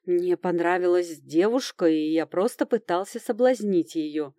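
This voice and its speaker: Женщина озвучивает хитрого молодого торговца, который мягко и вкрадчиво заговаривает зубы. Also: female voice, lowish voice, a little slow, dry recording, studio quality, natural voice. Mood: flustered. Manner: soft, ingratiating chatter. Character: smooth-talking young male merchant, sly.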